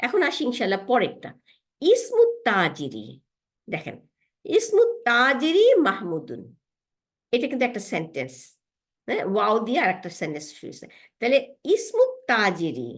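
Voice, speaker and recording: A woman teaching Arabic grammar, explaining step by step, often asking "right?" and slowing down to spell out Arabic words. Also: a little high.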